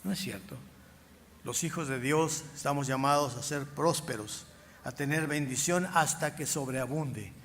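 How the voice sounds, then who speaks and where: An older Mexican pastor delivers a sermon full of personal testimony in a middle-pitched voice. He preaches emphatically, drawing out key phrases and pushing them louder. His voice rings through a church with a long, lingering reverb and faint room noise behind. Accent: Mexican Spanish. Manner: emphatic, slow stretches rising in loudness, acts out past dialogues. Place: church sanctuary.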